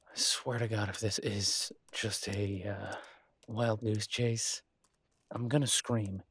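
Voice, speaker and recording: A man's voice: lowish voice, flat delivery, takes it slowly, a bit bright, slightly rough, dry recording, full character voice. Man playing a muted, weary, wry thief. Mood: weary, exasperated. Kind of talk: audio role-play acting.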